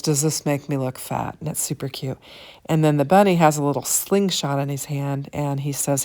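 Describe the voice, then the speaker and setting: A woman's voice: low-pitched, darkish tone. An older woman chatting casually through a craft tutorial in a folksy way, with plenty of fillers. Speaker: craft demonstrator.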